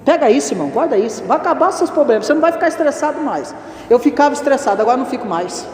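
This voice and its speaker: A male evangelist giving an animated, conversational teaching sermon, speaking directly to his congregation in a church hall. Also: extremely high pitch, very fast, a little hiss or hum. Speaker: evangelist preaching. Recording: roomy echoing church reverb.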